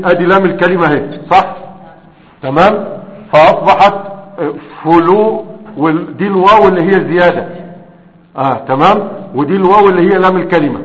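Egyptian man teaching grammar, echoing room. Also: high-pitched. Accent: Egyptian Arabic. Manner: keeps checking in with rhetorical questions to the class; pauses often with drawn-out fillers while writing. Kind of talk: explanatory grammar lesson. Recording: dull, reverberant classroom-style recording.

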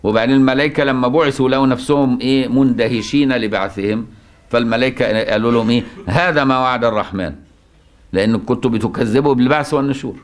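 A man's voice: medium pitch, steady tone. A man with an Egyptian Arabic accent teaching Quran recitation, explaining a classical text in colloquial speech and often checking that his listener understands. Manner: checks understanding with frequent rhetorical questions; slows down to recite quoted verses.

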